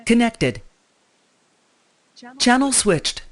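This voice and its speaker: A robotic text-to-speech system voice announcing connection errors in flat, clipped phrases. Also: medium pitch, drawn-out words. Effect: robotic text-to-speech system alert. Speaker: voice-chat software notification.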